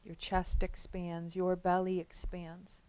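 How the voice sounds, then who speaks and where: Speaking as a meditation instructor, this woman leads listeners through relaxation in a gentle, leisurely way, leaving long gaps between phrases. Her pitch sits on the low side and her delivery is entirely flat.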